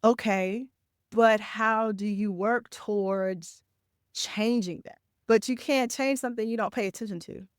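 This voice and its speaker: A woman's voice: mid-range voice, fairly even intonation, measured pace, clean tone, no room sound, clean studio sound. A woman, a trauma recovery coach, giving advice in an interview in a conversational way, often checking in with "right?".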